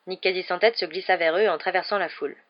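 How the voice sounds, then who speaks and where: A woman reading a novel aloud in a steady, calm narrating voice. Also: fairly low pitch, fast. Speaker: storybook reader. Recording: dull lo-fi recording.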